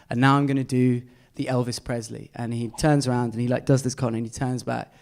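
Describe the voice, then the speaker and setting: A man's voice: mid-range voice, creaky, darkish tone. A man, an artist giving a casual and enthusiastic slide talk full of fillers. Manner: chatty, enthusiastic, many fillers.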